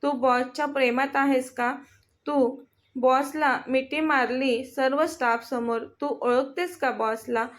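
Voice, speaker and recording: A woman's voice: high-pitched, steady tone, slow pace. A woman voicing a curious young female office coworker who fires off prying questions.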